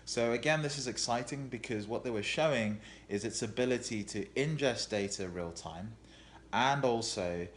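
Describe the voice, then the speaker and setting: A man's voice: medium pitch, normal speed, a little hiss or hum. A man recapping a tech conference in a casual vlog, enthusiastic and full of superlatives.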